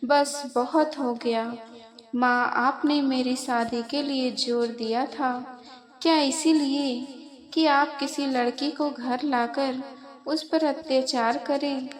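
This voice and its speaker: A woman's voice: sits high, steady tone, slow pace. A woman voicing an angry young husband who confronts his mother, in a raised and urgent voice. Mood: reproachful.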